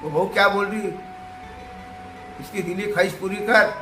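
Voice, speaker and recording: A man's voice: sits high, fairly even intonation, normal speed, music in the background, lightly acted. A man voicing a self-sacrificing old mother in a folk tale, solemn and tender, in a roomy echo. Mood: scolding.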